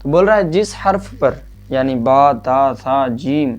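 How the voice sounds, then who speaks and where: A man teaching a Quran reading lesson, patiently asking questions and answering them himself, and drilling letter sounds slowly. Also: mid-range voice, animated, muffled recording. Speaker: religious teacher.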